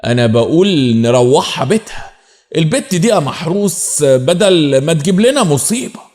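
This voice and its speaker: A man voicing an anxious young male accomplice in an audio story, speaking with an Egyptian accent in a lower, worried voice. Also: big pitch swings, normal speed, darkish tone. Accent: Egyptian Arabic.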